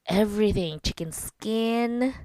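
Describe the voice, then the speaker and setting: Woman from the philippines teasing her husband on a podcast, mid pitch, dry sound. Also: slow, dry recording. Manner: teasing, lively banter. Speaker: podcast co-host. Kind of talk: casual podcast chat.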